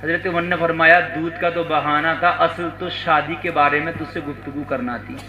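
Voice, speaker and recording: A male Islamic preacher giving a dramatic sermon to a conference crowd, telling a story and building to shouts while urging the audience to call back. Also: on the high side, fairly even intonation, echoey room, dull audio. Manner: dramatic, rising to shouts, coaxing the crowd to respond. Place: conference stage before a crowd.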